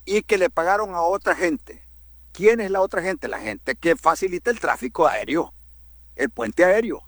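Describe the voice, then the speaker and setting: A man's voice: high-pitched, lively intonation, moderate pace, dry recording. A man, a journalist from Honduras, telling a story in emphatic commentary, repeating words and swinging his delivery up and down.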